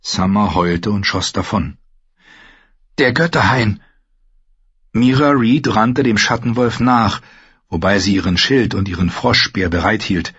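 A man narrating a fantasy audiobook in an even, steady storytelling voice. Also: fairly low pitch, moderate pace, breathy edge, no room sound. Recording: slightly muffled, dry recording.

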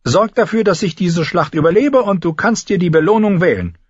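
Man doing a sardonic dwarf lord, high strained voice, barking orders, husky edge, dull lo-fi sound. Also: a little fast, no room sound. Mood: dry, wry. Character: sharp-tongued dwarf lord, commanding and sardonic. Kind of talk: audiobook character voice. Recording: dull lo-fi recording.

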